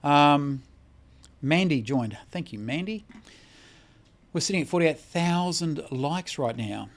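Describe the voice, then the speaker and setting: A man's voice: a little high, expressive, slow pace. A tired Australian man hosting a casual credit repair livestream, reading out chat comments and answering bluntly with a lot of swearing. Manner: blunt and profane, swears freely.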